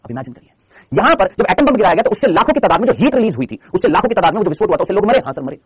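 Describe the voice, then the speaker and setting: This teacher lectures rapidly and very animatedly, his high, husky voice leaping around in pitch. He repeatedly quizzes the class and supplies the answers himself, coaching through repetition. The recording is close and dry.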